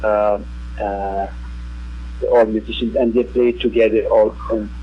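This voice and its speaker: A man with a Tibetan accent, speaking halting, broken English as a musician guest in a radio interview. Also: on the low side, little pitch movement, slightly rough, dull audio.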